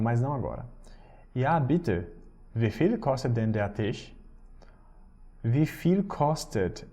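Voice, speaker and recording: Man, German teacher, patient explaining, slow German phrases, mellow dark voice. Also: medium pitch. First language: Portuguese. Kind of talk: recorded language lesson.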